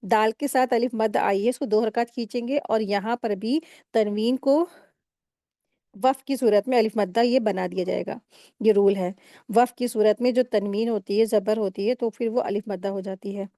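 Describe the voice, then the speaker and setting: A woman teaching Quran recitation rules step by step in a patient, explaining manner, pausing to recite words slowly. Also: medium pitch, steady tone, mellow, dry recording, studio quality. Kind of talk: step-by-step tajweed lesson.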